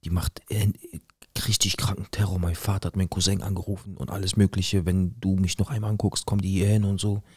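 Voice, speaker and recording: Deep-voiced man telling his story. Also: little pitch movement, quick pace, darkish tone, husky, dry recording, clean studio sound. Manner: colloquial street slang, vivid retelling with quoted dialogue. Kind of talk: emotional personal storytelling.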